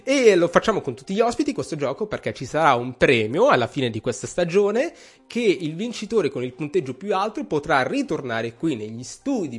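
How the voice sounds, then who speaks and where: A man hosting a radio show, explaining a music game's rules in casual, joking chat. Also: fairly high pitch. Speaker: radio host.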